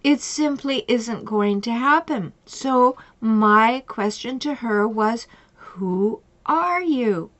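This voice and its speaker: A woman's voice: a little high, slow pace, hardly any pauses, a bit bright. A middle-aged woman coach giving advice in an earnest, emphatic way, repeating questions for effect. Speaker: relationship coach. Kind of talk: advice talk with retold conversations.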